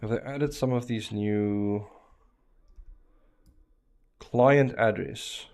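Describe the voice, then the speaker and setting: On his live stream, an Afrikaans-speaking man talks casually through a networking lab, dropping in relaxed fillers and starting over mid-sentence. His pitch is fairly low, and he draws out his words.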